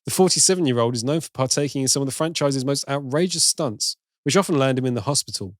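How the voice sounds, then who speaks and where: A man's voice: medium pitch, fast talker, dry recording, studio quality. A British man co-hosting a casual film podcast, reading out trivia in long runs and laughing easily. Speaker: podcast co-host.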